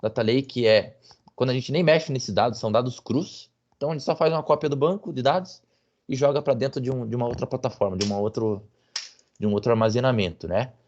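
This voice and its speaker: A man's voice: mid-range voice, fast talker, darkish tone. A man giving a technical talk as a guest speaker, hesitant, with many fillers and tag questions, over a video call. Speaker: guest speaker on business intelligence. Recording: muffled lo-fi audio.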